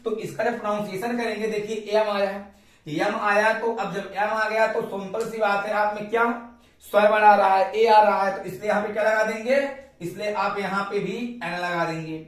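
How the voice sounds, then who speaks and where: A man's voice: high-pitched, fairly even intonation, a little fast, fairly bright tone, roomy sound, distant mic. A man from India teaching an English grammar lesson, who often asks a question and then answers it himself. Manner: repeats questions to students.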